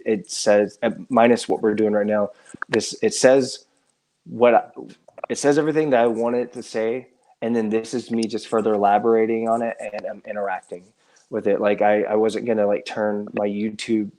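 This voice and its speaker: Rambling, halting man on a live stream. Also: fairly low pitch, a little mellow. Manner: rambling, halting, many restarts. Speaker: guest musician. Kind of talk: casual live stream chat. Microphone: live stream setup.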